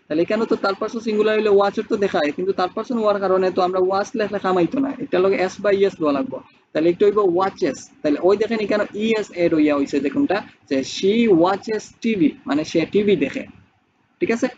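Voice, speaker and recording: A man's voice: high voice, fast, darkish tone, muffled recording. A man teaching spoken English, who explains step by step and keeps asking rhetorical questions.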